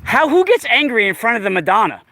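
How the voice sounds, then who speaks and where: A man in his forties films himself outdoors in a park. He talks back to people sarcastically and repeats his points. His voice sits high, with a sharp, bright edge. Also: very animated, fast, vocal fry, slight background noise. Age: 40s. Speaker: vlogger. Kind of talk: casual vlog, arguing with a stranger. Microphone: camera mic while filming.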